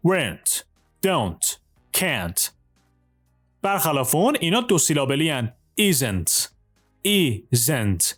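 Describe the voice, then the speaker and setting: A man gives an English lesson with a lively, rising and falling voice at a middle pitch. He reads each English example slowly and carefully, then explains it. Faint music plays softly behind him. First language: Persian. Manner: drills single words twice each. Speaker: English teacher. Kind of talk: language lesson, explaining in Persian.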